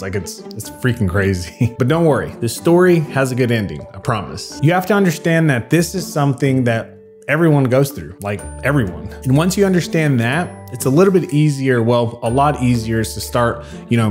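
A young man in his twenties talks to camera in a relaxed vlog. His voice is stuffy and nasal while he recovers from an illness. He jokes easily about himself, with faint music underneath. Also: mid-range voice. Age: 20s. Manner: chatty, joking, self-deprecating. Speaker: YouTube creator. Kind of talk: casual talking-to-camera vlog.

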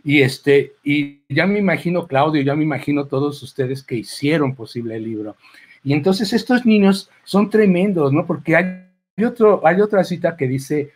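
A man's voice: a little high, lively intonation, normal speed. A man with a Mexican accent, a clown, giving a chatty, rambling speech into a handheld microphone at a book presentation. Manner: rambling, chatty, full of asides and quoted lines. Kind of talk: informal speech at a book launch. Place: presentation table at an event.

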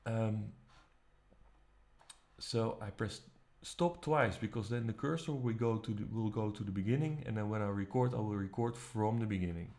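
A man teaching music production, walking through the software step by step in a relaxed, casual way. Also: on the low side, normal speed. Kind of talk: screen-recorded software tutorial. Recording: faint music playing behind. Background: faint music.

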